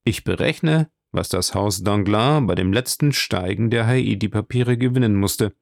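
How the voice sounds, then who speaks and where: A man's voice: fairly low pitch, unhurried, gravelly, no room sound, studio quality. A man voicing a matter-of-fact minister's secretary in an audiobook, explaining figures plainly. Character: evasive male minister's secretary.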